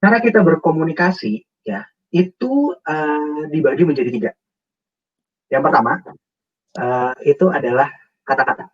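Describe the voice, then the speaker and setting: A man's voice: fairly high pitch, moderate pace, long pauses, far from the mic, muffled recording. A man speaking as a guest on a webinar, explaining job interview tips and acting out example phrasings. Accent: Indonesian. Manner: animated, acts out example phrasings.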